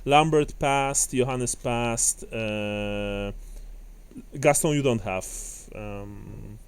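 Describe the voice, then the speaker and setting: A man's voice: on the low side, very slow, smooth. A man narrating as game master of a tabletop game, rambling with many fillers and restarts.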